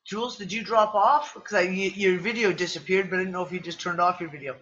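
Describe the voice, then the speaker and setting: His high-pitched voice moves fast with a steady tone and a slightly bright edge, though the highs are cut off. As host of a casual livestream chat over a video call's computer mic, he sniffles, loses his voice, rambles in exclamations and swears freely.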